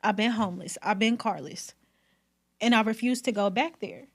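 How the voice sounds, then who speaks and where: Woman hairstylist guest, mid-pitched, emphatic and candid, preaching her story. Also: moderate pace. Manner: emphatic, faith-filled storytelling. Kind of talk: candid conversation.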